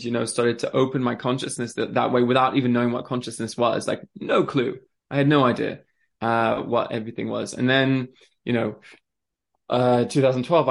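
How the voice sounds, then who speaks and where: A man's voice: mid-range voice, creaky. A man who grew up in France, a guest on a podcast, talking openly and casually with lots of fillers. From born in Switzerland, grew up in France. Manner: open and chatty, frequent ums and fillers. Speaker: podcast guest, limiting belief coach. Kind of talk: casual conversational storytelling.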